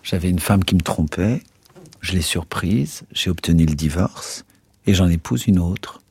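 A man's voice: low voice, a little slow, a little mellow, husky, dry recording, heavily acted. A man reading aloud, voicing a cold, cynical young schemer who answers curtly and with contempt.

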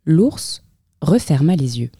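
A woman reading a children's picture book aloud as storyteller, with expressive, lively storytelling in a close, dry room. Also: low voice, takes it slowly, breathy edge, no echo.

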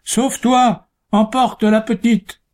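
A man's voice: very high voice, little pitch movement, slow pace, a little mellow, voice pushed up. A man voicing a desperate woodcutter father in a read-aloud story, crying out to his wife in a strained, raised voice.

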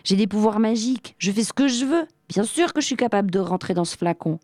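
A woman's voice: lowish voice, lively intonation, unhurried, mellow, no room sound, clean studio sound. Woman voicing a blustering storybook genie. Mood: indignant. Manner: blustering, turns whiny when tricked. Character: huge boastful quick-tempered male genie. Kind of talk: storybook reading.

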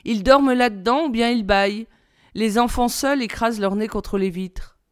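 A woman's voice: fairly high pitch, moderate pace, clean tone, dry recording, studio quality, close to an everyday voice. A woman reading aloud, voicing a weary railway switchman who answers plainly. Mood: matter-of-fact.

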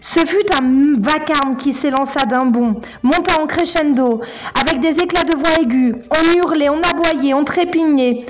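A woman narrating a literary text in a measured, even reading. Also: sits high, music in the background. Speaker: audiobook narrator.

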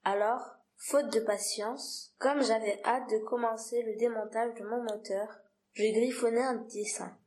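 A woman reading the narration of a storybook aloud in a calm, measured way. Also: fairly high pitch, slight background noise. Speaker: reader.

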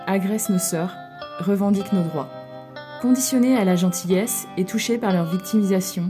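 A woman host reading a scripted podcast introduction in a measured, declamatory way. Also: mid-range voice. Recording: read over guitar music.

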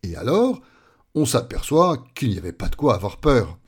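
A man voicing a kind, calm vagrant who soothes a frightened little man. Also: mid-range voice, moderate pace, husky. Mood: soothing. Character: kind gentle male vagrant.

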